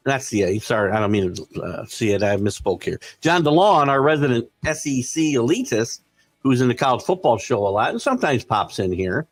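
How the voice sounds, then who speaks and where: A male host of a live sports talk show, giving opinionated commentary that keeps building into excited rants. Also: mid-range voice, dry recording.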